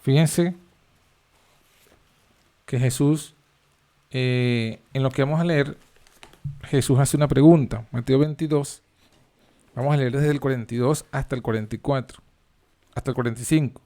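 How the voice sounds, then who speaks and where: A man's voice: medium pitch, fairly even intonation, moderate pace, long pauses, mellow. Man teaching a Bible study. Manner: reads verses aloud, then explains with frequent fillers.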